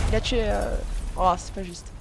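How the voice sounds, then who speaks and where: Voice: medium pitch, steady tone, moderate pace, creaky, noisy background. A live streamer chatting casually while playing a game, hesitant, with many fillers and restarts, and laughing often.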